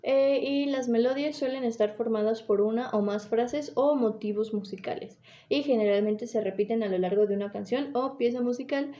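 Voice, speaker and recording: A woman presents a class topic in a halting, read-aloud way, pausing on fillers and correcting herself often. Her voice sits a little high with a mellow, warm tone. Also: dull audio. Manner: hesitant, with fillers and self-corrections.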